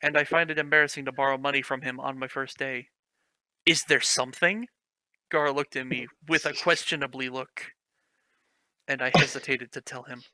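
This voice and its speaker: A man reads a clumsy piece of fan fiction aloud for comedy, mocking it and giggling and cursing freely between lines as dramatic commentary. His mid-range voice is bright and forceful, with fairly even intonation at a moderate pace. The recording has no echo but is low in quality.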